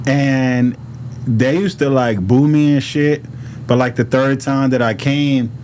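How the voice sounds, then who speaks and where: With slight background noise behind him, a New York-accented rapper from Harlem talks slowly at medium pitch while telling stories on a podcast. The chat is casual, the slang animated and heavy with cursing, and he quotes others' lines.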